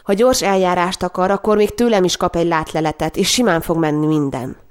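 An experienced doctor speaks gravely and with measured care, in a woman's reading. Her voice sits on the lower side for a woman. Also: steady tone, natural voice. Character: experienced, shaken male country doctor.

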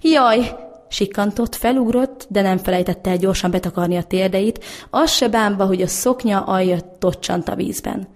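A woman's voice: mid-range voice, darkish tone. Woman reading a rural story aloud. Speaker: narrator. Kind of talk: storybook narration.

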